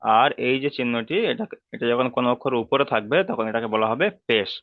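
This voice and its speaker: A man teaching letter sounds in an online class, patient and repeating each rule slowly. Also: medium pitch, fairly even intonation, no echo, narrow, tinny audio. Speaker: Quran reading teacher.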